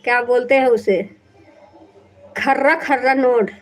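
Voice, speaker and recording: A woman's voice: fairly high pitch, measured pace, poor audio. A woman chatting casually on a live stream through an earphone mic, teasing and laughing often.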